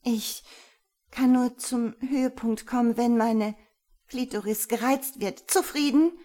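A woman's voice: a little high, steady tone, measured pace, warm tone, pitched above the performer's own voice, close to an everyday voice. A woman doing a snippy, cornered young woman. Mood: defiant. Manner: hesitant, then snippy.

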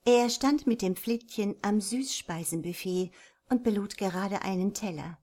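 A woman reading a romance novel aloud in a measured, even storytelling voice. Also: mid-range voice. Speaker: narrator. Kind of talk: scripted audiobook narration.

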